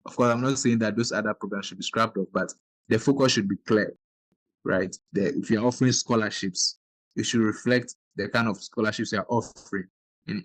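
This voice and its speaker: Speaking in a lowish voice with no echo, a Ghanaian podcast host earnestly explains his points during a conversation, adding short backchannel agreements along the way. The audio quality is poor.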